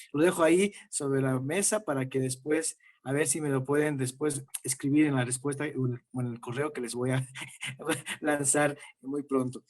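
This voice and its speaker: Male moderator, fairly high voice, measured and formal, pausing with fillers. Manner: measured, many filler pauses. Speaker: panel moderator. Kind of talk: formal closing remarks.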